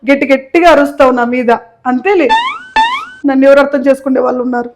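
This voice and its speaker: A woman's voice: high-pitched, fast, music in the background. A woman playing a whiny, self-pitying young patient in a comic sketch, speaking.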